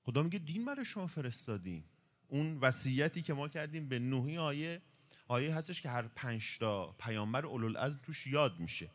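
Brief: male lecturer, mid-pitched voice, casual religious talk, asks and answers his own questions. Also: lively intonation. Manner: explanatory, poses rhetorical questions and answers them.

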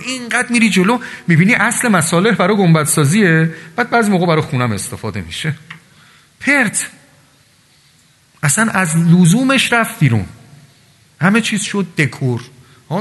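Husky, higher-voiced male preacher in a hall. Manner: animated, lively storytelling with voiced asides. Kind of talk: religious sermon with storytelling. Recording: long reverb of a large hall.

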